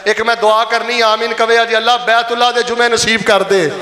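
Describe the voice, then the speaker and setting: Punjabi man, high bright preaching voice, Friday sermon, reverberant mosque hall. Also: flat delivery, brisk. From Pakistan. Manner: impassioned, calls on the crowd to answer aloud.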